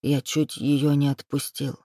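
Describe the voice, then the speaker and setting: A reader voicing a grave, quiet young father in an audiobook. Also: a little high, level tone, unhurried, no room sound, studio quality. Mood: resolved. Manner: hushed, grave. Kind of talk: audiobook character voice.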